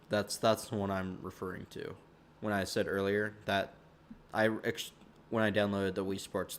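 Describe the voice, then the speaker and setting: A man with a fairly low voice rambles through casual behind-the-scenes commentary on his own stream video. He trips over his words and leans on fillers, with a faint hum of background noise.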